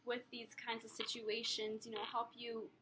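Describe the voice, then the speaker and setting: A woman's voice: on the high side, completely flat delivery, normal speed, bright, forceful tone, poor audio. A young woman in a role-played telephone counselling interview, asking questions tentatively and checking she has understood. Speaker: counsellor intake worker in a practice role play. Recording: clear background noise, room ambience.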